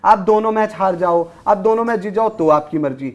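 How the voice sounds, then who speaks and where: Higher-pitched man ranting about cricket. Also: brisk, dull audio. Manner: heated, blunt, recites verse. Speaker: cricket show co-host. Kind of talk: casual panel discussion.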